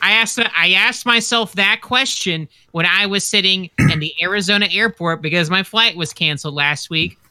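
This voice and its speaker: A man's voice: sits high, normal speed, hardly any pauses, bright, forceful tone, smooth. A man co-hosting a comedy podcast, brash and irreverent in his casual improvised banter.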